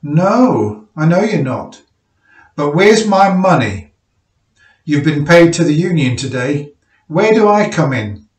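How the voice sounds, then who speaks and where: A man voicing a plump, sharp-tongued miner's wife who talks with a sneering twang. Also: fairly high pitch, lively intonation, normal speed, roomy sound, far from the mic, close to an everyday voice. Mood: sarcastic.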